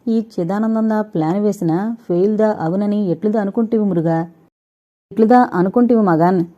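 A woman's voice: medium pitch, moderate pace, warm tone, muffled recording, natural voice. A woman voicing a scheming, sarcastic older male crime boss. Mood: gloating. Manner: scolding, sarcastic drawl.

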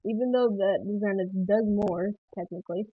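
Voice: medium pitch, moderate pace, no echo. A speaker giving casual gameplay commentary for a guide, rambling and hesitant, often laughing and trailing off. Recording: tinny phone-like dry sound.

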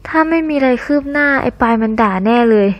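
A bashful, flustered teenage boy, read by a woman in a storybook reading. His replies come out high and defensive. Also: quick pace, natural voice.

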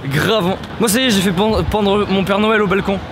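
A fairly high-pitched young man in his twenties talks straight into a handheld camera on a busy city street. He jokes and swears freely in an excitable, casual vlog tone. Traffic and street noise come through clearly behind him. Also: moderate pace. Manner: joking, excitable, swears a lot. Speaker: vlogger.

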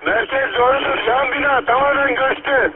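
A man's voice: very high-pitched, flat delivery, normal speed. A man giving reports over police radio as an operator. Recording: very noisy, tinny police radio transmission.

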